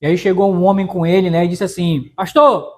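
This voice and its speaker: In a church sanctuary, a male missionary preacher leads a conversational Bible study, speaking folksily, calling the congregation brothers and often using tag questions to have them confirm his points. His high voice is warm and level, and he talks quickly.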